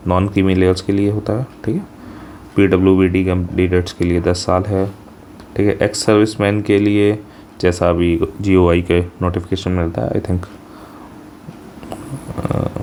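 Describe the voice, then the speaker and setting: Speaking with a low, darkish voice and some vocal fry, an Indian coaching instructor walks through a job notification in a relaxed explainer style. He switches between Hindi and English, often adds quick check-in tags, and there's slight background noise.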